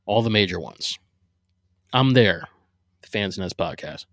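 A man with a fairly low voice hosts a casual solo podcast from his living room. He rambles along with plenty of ums and false starts. The sound is dry and close, with no room echo. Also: lively intonation, unhurried, a bit bright. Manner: rambling, many fillers and restarts. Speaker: podcast host.

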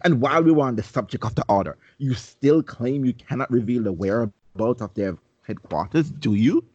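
A man reading aloud as a fierce female dark witch, sneering and accusing in a husky voice. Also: medium pitch, lively intonation, moderate pace, lo-fi sound.

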